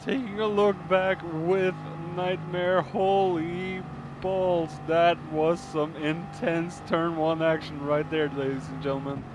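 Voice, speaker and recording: Over clearly audible engine noise, this esports commentator excitedly calls the race live in a high, strained voice that seems about to give out. He's informal and exclamatory, with hesitations between phrases, though he speaks slowly, with hardly any pauses and a level tone.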